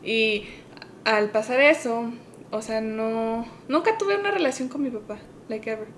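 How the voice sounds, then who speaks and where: Bilingual woman co-host, storytelling with a slightly high voice over a faint rumble. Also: measured pace. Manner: switches between English and Spanish mid-sentence; rises high and loud when quoting her parents. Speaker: podcast co-host. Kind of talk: casual personal storytelling.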